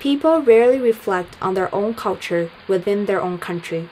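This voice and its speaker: A woman reading scripted documentary narration in a measured, even way. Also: medium pitch, a little hiss or hum, low-quality recording. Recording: voice-over with loud music behind.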